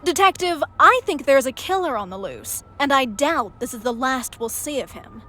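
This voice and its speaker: An actress playing a serious, determined young journalism student in a video game, insistent and pointed. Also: female voice, high-pitched, lively intonation, moderate pace, sharp tone, full character voice. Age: young adult.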